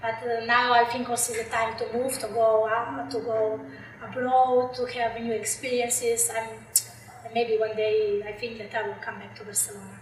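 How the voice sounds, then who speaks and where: A young woman with a Slovenian accent, a PhD candidate, answers interview questions in English with lots of fillers and restarts. Her voice is on the high side with a flat delivery and moderate pace. The room is echoey, the mic is far off, and there's slight background noise.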